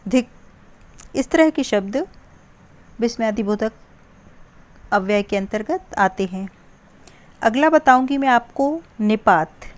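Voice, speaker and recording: A young woman teaching a grammar lesson, spelling out examples word by word and drawing out the exclamations. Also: fairly high pitch. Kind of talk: slow, deliberate grammar lesson.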